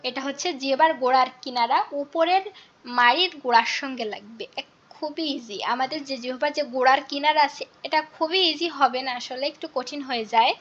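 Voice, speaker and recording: A woman with a high, light voice teaches pronunciation in an online class. She repeats each sound again and again and walks her students through it patiently. The recording sounds a little dull and lo-fi. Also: moderate pace, a bit bright.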